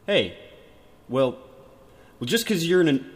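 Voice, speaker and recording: A man's voice: fairly high pitch, lively intonation, unhurried, pitched above the performer's own voice. A man playing a cocky, crude spaceman musician from the future, his voice run through a tinny metal-can filter, in a comic self-interview. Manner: boastful, swaggering, crude.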